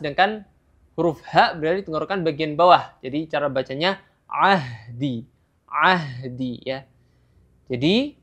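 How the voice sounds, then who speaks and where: A teacher giving a patient tajwid lesson, modelling each sound slowly and tagging phrases with a steady "ya". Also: mid-range voice. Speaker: Quran recitation teacher.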